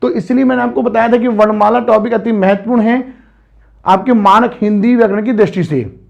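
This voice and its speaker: High-voiced male grammar teacher. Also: steady tone, fairly quick, vocal fry, muffled recording. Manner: explains step by step, keeps addressing students as children. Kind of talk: exam-prep grammar lecture.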